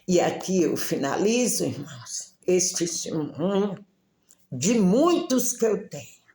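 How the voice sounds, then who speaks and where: Slow, emotional woman giving testimony. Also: on the low side, very animated, mellow, reverberant. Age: middle-aged. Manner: emotional storytelling, acting out dialogue. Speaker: church member giving testimony. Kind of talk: religious testimony. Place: church.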